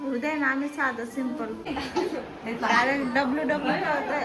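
A woman's voice: high voice, fairly even intonation, normal speed, over a noisy crowd. A young woman vlogging casually at a family home, chatty and teasing. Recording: loud background noise.

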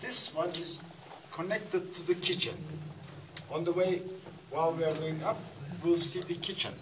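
A man working as a tour guide, explaining things to a group in halting short phrases, with an echoing cave sound. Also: fairly high pitch, steady tone, background noise. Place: underground rock-cut tunnels and chambers. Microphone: handheld camera some distance away. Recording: echoey cave, distant handheld camera mic, crowd. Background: tour group chatter.

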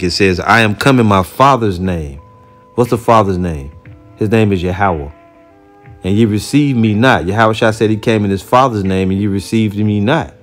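Blunt, low-voiced man preaching. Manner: blunt and heated, with casual profanity; reads scripture aloud slowly and deliberately. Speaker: religious teacher reacting to a video. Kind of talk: informal preaching commentary with scripture reading.

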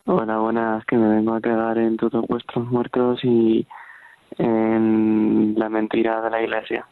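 A man's voice: lowish voice, completely flat delivery, unhurried, clean tone, no room sound. A man leaving a contemptuous, insulting voicemail message, played back over a phone line.

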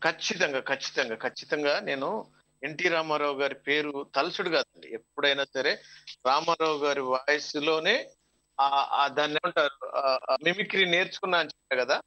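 A man with a high, bright voice who works as a mimicry artist, speaking as a guest on a radio show. He chats in a storytelling way, and his voice sounds dull, as if it is coming over a phone line. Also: normal speed. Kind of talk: casual interview chat.

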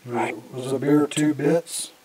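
A man investigating the paranormal at night, putting short, plain questions to spirits with pauses between them. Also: mid-range voice, steady tone, a loud crowd. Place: outdoors at night in a ruin. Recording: noisy outdoor night recording. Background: animal noises, dogs barking in the distance.

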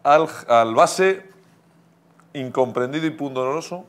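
Halting male panelist, mid-pitched. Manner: halting, repeats himself. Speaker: show director on panel. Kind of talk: casual studio chat.

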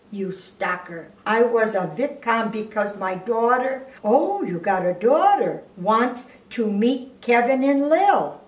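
A woman in her eighties, a blunt grandmother, reading aloud haltingly and adding indignant, scolding remarks. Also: fairly high pitch. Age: 80s. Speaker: grandmother reading fan fiction aloud on a video channel. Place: indoor living room, seated in an armchair. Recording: roomy, distant microphone.

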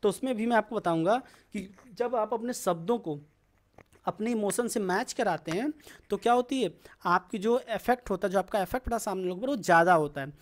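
A man teaching a slide lesson, slowly repeating example sentences and often checking that the class follows. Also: high-pitched. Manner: asks the audience frequent check questions. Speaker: spoken English teacher. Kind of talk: slide-based language lesson.

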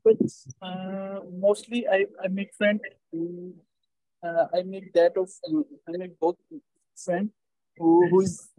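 A man with a Pakistani accent answering as a language test candidate, in halting, hesitant non-native English. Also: high voice, flat delivery, dark tone, no room sound, poor audio. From Lahore, Pakistan.

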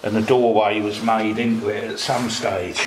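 A man's voice: on the low side, steady tone, normal speed, distant mic. An older man talking casually about his renovation work, listing each job in a plain, matter-of-fact way. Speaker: homeowner showing his renovation. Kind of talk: casual walkthrough chat. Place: small cottage rooms indoors, then garden outdoors. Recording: echoey rooms with faint background noise.

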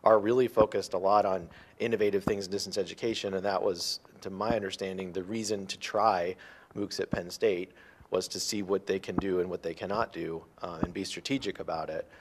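A man's voice: deep voice, fairly even intonation, brisk, a little hiss or hum. A man speaking as a faculty panelist, hesitant with many restarts. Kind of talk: panel discussion.

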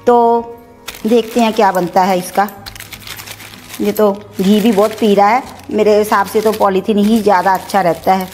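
Here a cooking channel host, a middle-aged woman, demonstrates home cooking in her kitchen, chattily walking through every step of the recipe and slipping in English words. She speaks at a normal speed in a steady, mid-range, somewhat dark voice, with soft music playing behind her.

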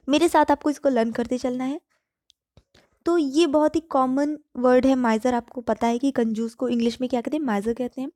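A woman teaching vocabulary, explaining in Hindi with words mixed in and repeating each word slowly for pronunciation. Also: high voice, warm tone, dry recording, clean studio sound. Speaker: English teacher. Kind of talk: vocabulary lesson.

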